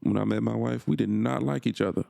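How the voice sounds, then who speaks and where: A man's voice: fairly low pitch, fast, creaky, warm tone, dry recording. A married man co-hosting a podcast, telling a story in laid-back casual chat, restarting and repeating phrases. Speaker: podcast co-host.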